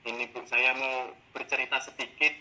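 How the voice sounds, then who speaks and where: A man playing a teacher in a coaching role-play, complaining in an exasperated, animated way about his class. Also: mid-range voice, moderate pace, a little hiss or hum, rough recording. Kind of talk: role-played coaching session.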